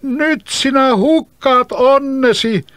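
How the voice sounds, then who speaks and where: A man voicing a huge, scheming male spirit trapped in a bottle, calling out in slow, drawn-out phrases in a storybook reading. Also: fairly bright tone, roomy sound, big-room sound. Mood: begging. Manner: slow, drawn-out, booming calls.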